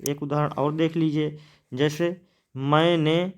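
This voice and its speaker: A man's voice: a little high, little pitch movement, takes it slowly, smooth. A man teaching a grammar lesson, writing examples on a board, repeating words as he writes and answering his own questions.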